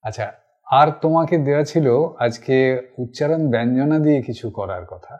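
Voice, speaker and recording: A man teaching recitation, explaining calmly and then acting out single words in a hushed or dramatic way. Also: medium pitch, moderate pace, dull audio. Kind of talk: teaching demonstration.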